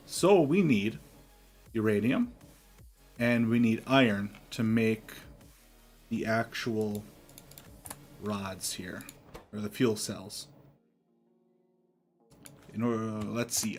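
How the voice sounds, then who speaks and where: A man doing casual live gameplay commentary, thinking aloud and chatting to viewers as a streamer. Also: mid-range voice. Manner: thinking aloud, often chuckling. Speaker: game streamer.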